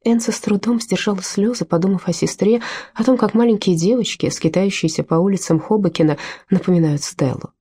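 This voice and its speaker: A woman narrating an audiobook in a measured storytelling manner. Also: mid-range voice, mellow, breathy edge. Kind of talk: scripted narration.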